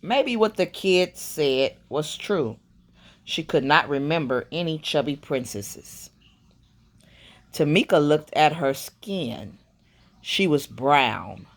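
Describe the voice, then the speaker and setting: With a low voice and no rush, a woman tells a bedtime story by reading a children's picture book expressively. She adds soft, murmured asides along the way.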